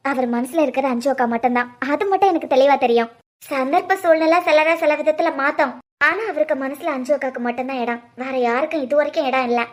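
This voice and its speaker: A woman voicing a gentle, loyal young maid in a cartoon, with a Kanyakumari Tamil accent and a soothing, reassuring manner. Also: sits high, lightly acted.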